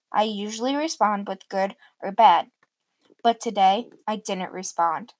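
A woman's voice: medium pitch, no echo, rough recording. Woman storyteller, first-person story, earnest, emotional, dry close sound.

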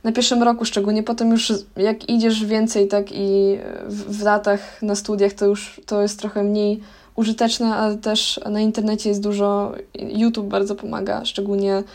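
A woman's voice: mid-range voice, monotone, moderate pace, darkish tone. A young woman, a university student, explaining things in a casual advice chat with many fillers. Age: young adult.

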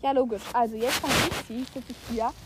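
A teenage girl vlogger, her voice on the high side with a steady tone, talks a little fast over a noisy crowd in a park. She chats casually and argues breathlessly with a friend while also addressing her viewers. It's a phone recording with park noise in the background.

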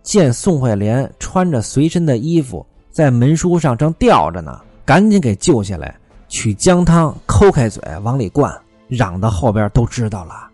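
A man narrating a classic tale in traditional storytelling style, lively and with wry asides. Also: mid-range voice, normal speed, hardly any pauses, no room sound, soft background music.

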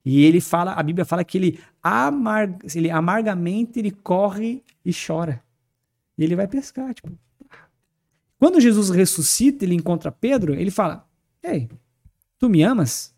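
A man with a Brazilian accent, a podcast guest, telling stories in a fast, animated way in a studio. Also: sits high. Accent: Brazilian Portuguese. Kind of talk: casual podcast talk on faith.

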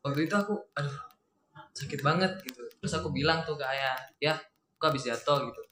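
A young man telling a ghost story from his childhood in a quiet, rambling, casual way, acting out what his family said. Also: fairly high pitch, fast talker. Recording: echoey room with faint noise.

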